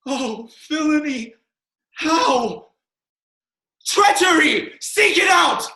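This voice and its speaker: Man acting anguished Prince Hamlet, high-pitched and echoing. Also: animated, takes it slowly, heavily acted. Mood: enraged. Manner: declamatory, swinging from shouts to hushed lines. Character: anguished young prince, dying and vengeful. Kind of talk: Shakespearean stage acting.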